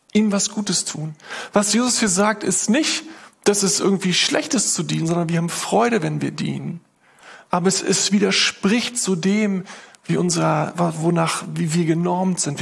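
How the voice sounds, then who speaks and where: Male pastor, husky voice, animated sermon storyteller. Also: sits high. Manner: lively storytelling, acting out quoted prayers and voices.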